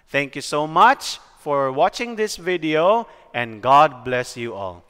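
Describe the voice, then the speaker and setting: A male teacher from the Philippines gives a recorded lesson at an unhurried pace, his voice bright and smooth. His words trail off into a long reverb, like a hall, as he explains step by step. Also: fairly high pitch, lively intonation. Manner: slow, deliberate explaining with pauses for counting.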